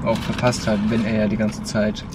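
Young man, the brother; casual off-mic chatter, drowned by loud car noise. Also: fairly low pitch, completely flat delivery, moderate pace. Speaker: vlogger's brother. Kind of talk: casual chat. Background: car and traffic noise.

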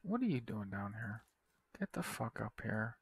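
Man, gravelly low voice, frustrated game commentary, swearing, dry close recording, mouse clicks. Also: sing-song, moderate pace, no room sound. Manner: frustrated, swearing, muttering to himself. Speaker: gaming video creator.

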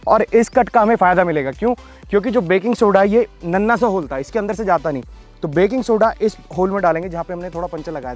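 A man's voice: high voice, a little mellow. A young man hosting an experiment video in an open field, casually explaining and calling out instructions to a helper. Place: open grassy field outdoors.

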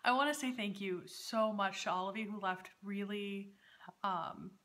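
A woman's voice: medium pitch, normal speed, fairly bright tone. A woman in her thirties hosting a casual, chatty vlog from a room at home, talking in a hesitant way. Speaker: knitting podcast host. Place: dining room at home, indoors.

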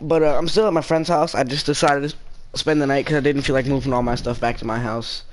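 A teenage guy with the hiccups talks through his gaming session on a headset, tossing casual jokes and swears at a friend beside him. His pitch sits in the middle for a young man. A faint hum of room noise runs under his voice. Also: fairly even intonation, brisk. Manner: chatty, joking with a friend, swears. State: has hiccups. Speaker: gaming channel host. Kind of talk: casual gameplay commentary. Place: bedroom at a friend's house.

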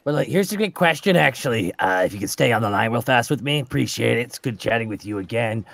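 A man's voice: medium pitch, expressive, quick pace, gravelly, fairly bright tone, no room sound. A man playing a tabletop roleplaying game in casual, chatty, sweary in-character banter.

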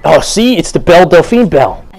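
A young man giving crude, comedic commentary while playing a video game, bursting into shouts and yelps. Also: fairly high pitch, very animated, fairly quick, creaky, rough recording. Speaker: let's play gamer.

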